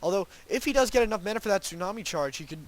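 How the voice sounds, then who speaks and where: A high-pitched, lively voice races along as a congested young man with a cold casts a video game match by himself. It's solo play-by-play esports commentary, rambling and hedging, with many ums and restarts.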